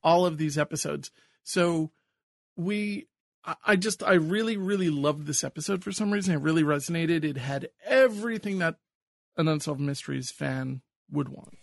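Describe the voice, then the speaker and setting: A man's voice: on the high side, normal speed, gravelly, no echo, clean studio sound. A man with a Long Island accent, co-hosting a podcast in a rambling, enthusiastic, self-correcting way. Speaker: podcast co-host. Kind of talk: casual podcast chat.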